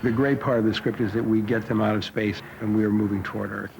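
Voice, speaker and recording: A man's voice: fairly low pitch, steady tone, fast, vocal fry, heavy background noise. A man giving his own commentary in a film documentary interview. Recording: music behind the voice.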